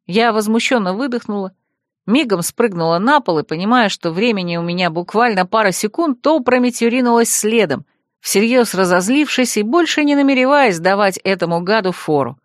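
A woman narrating an audiobook expressively, jumping high and loud for the heroine's outbursts. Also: a little fast, dry recording, studio quality. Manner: lively, squealing high in heroine's lines.

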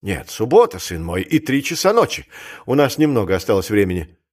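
A man voicing a bold, reckless male clerk and gambler who talks in a brisk, commanding way, in an audiobook. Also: on the low side, very animated, darkish tone. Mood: grim, commanding. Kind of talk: audiobook character reading.

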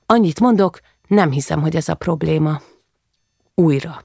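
Low gravelly woman reading a novel. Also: no echo, clean studio sound. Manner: quiet, measured reading, lifts pitch for the children's lines. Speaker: audiobook narrator. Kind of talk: first-person novel reading.

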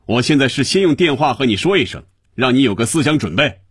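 A man's voice: fairly low pitch, big pitch swings, normal speed, breathy edge, no echo, studio quality, voice pushed up. A man doing a smug, gloating office worker. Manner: smug, gleeful. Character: gloating office man quitting his job.

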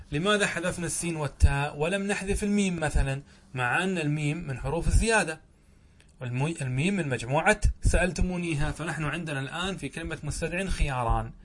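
A man teaching Arabic grammar in a lesson, asking his own questions and answering them, often drawing out words as he explains. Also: a little high. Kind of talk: classroom lesson.

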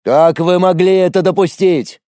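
An enraged male mage, played by a man yells accusations in a raised, strained voice. His pitch leaps about as he loses control. The read sounds dry and close. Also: animated, normal speed, no echo, natural voice. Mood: angry shouting. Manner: shouting, accusing. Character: angry, hysterical male mage.

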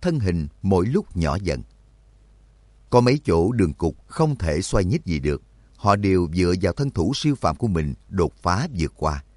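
A male audiobook narrator reads an adventure story with a deep voice. His delivery swings widely in pitch to carry the tension. The recording is close and dry. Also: normal speed, dry recording. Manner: expressive storytelling, voices for characters. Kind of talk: scripted narration.

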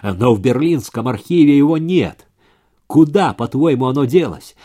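A man voicing a furious, accusing male partner who snarls and shouts in a story reading. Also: medium pitch, animated, a little slow. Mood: angry.

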